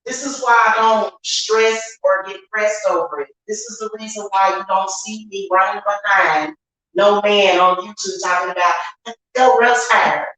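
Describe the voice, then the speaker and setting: An American spiritual reader and online witch records an unscripted monologue for her viewers in a very reverberant, echoey space. Her mid-range voice is unhurried and fairly bright. She's emphatic and candid, talks in a colloquial way and keeps repeating her points.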